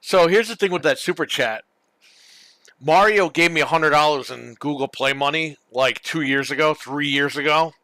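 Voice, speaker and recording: A man with a bright, forceful voice chats casually on a gaming livestream, blunt and quick to swear. The sound is dry and close, with no room around it. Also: fairly high pitch, no room sound. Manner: blunt, profane, reads chat messages aloud. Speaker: podcast co-host.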